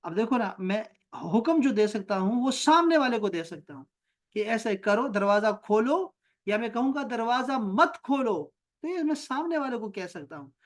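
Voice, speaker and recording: A man teaching an online Quran and Arabic grammar class over a video call. He recites short Arabic phrases slowly, then explains them patiently and checks his students' answers with questions. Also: extremely high pitch, expressive.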